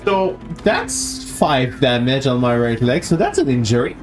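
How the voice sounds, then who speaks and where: A man chatting casually as a player in a tabletop game, animated and joking. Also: mid-range voice, unhurried. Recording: faint guitar music behind the voice. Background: music.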